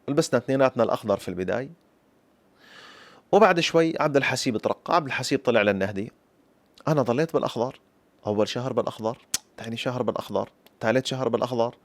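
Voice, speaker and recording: A man in his twenties with a Syrian accent, telling a true childhood story in the lively manner of a folk storyteller who keeps addressing his listeners. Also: medium pitch, rapid-fire, long pauses, dry recording. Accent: Syrian Arabic. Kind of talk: personal story told to camera.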